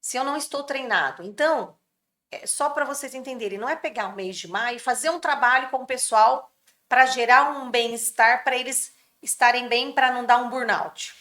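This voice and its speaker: A woman's voice: fairly high pitch, moderate pace, bright, forceful tone. A woman on a podcast earnestly explaining workplace mental health as a guest, sometimes acting out what people say. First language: Brazilian Portuguese. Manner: earnest, acts out quoted speech. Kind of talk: explanatory conversation.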